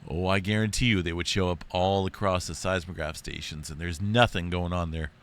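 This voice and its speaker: A sick-sounding guy hosts an earthquake and space weather channel, giving a casual screen-share update. His deep, stuffy voice has a bright edge and a steady tone, and he talks briskly in a rambling, chatty way, often saying "right?" and "big time."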